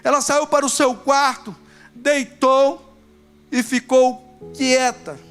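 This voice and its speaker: A man's voice: very high-pitched, level tone, takes it slowly, a bit bright, clean tone, soft background music. A man with a Brazilian accent preaching a sermon at a church service, telling a story with emphatic repetition.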